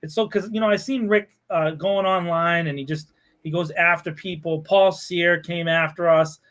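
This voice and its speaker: High-voiced man ranting sarcastically. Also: moderate pace. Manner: animated, sarcastic ranting with frequent laughter. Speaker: podcast host. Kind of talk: casual podcast chat.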